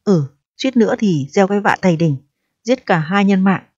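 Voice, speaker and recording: A woman's voice: mid-range voice, expressive, normal speed, a little mellow, no room sound, close to an everyday voice. Woman voicing a faithless young man, coaxing, calculating, storybook reading, muffled dry sound. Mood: scheming. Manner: coaxing, then coldly calculating. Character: evasive young man, smooth-talking and self-serving. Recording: dull, dry audio.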